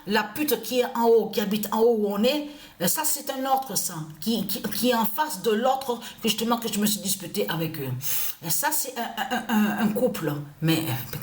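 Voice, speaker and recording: A woman's voice: a little high, roomy sound. A woman telling a personal story in an agitated, repetitive way, cursing often. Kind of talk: angry personal storytelling monologue.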